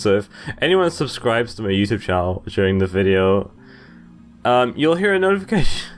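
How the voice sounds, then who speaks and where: A young adult man with a fairly low voice hosts a casual game playthrough as a gaming video host. He rambles a bit, feeling his way through sentences and reading text aloud, while game music plays in the background.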